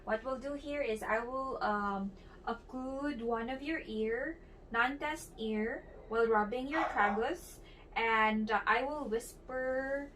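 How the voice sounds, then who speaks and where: Speaking slowly in a fairly high, fairly bright voice, a young female student walks through a clinical examination. She explains every step while directing the patient, frequently hesitating with fillers and false starts, recorded on a distant mic with faint noise behind her.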